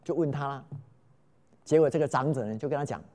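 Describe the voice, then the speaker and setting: A storyteller tells a folk tale in a fast, medium-pitched voice. He's animated, exclaiming often and quizzing his listeners with questions.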